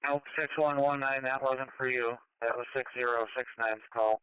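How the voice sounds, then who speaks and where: A man's voice: medium pitch, fairly even intonation, moderate pace, clean tone, no echo. Male dispatcher on narrowband radio. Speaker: emergency dispatcher.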